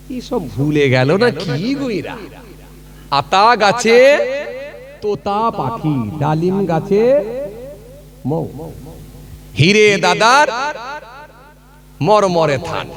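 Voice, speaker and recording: A man telling a folk story in a sermon at an outdoor gathering, often asking the crowd whether they follow. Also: sits high. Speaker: preacher. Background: crowd noise.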